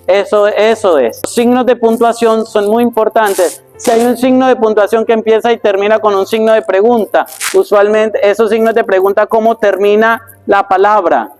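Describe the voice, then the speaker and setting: High-voiced priest teaching a workshop. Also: male voice, fairly even intonation, normal speed, few pauses, darkish tone, faint music behind. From Colombia. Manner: explanatory, asks the audience rhetorical questions. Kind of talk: workshop teaching for church readers.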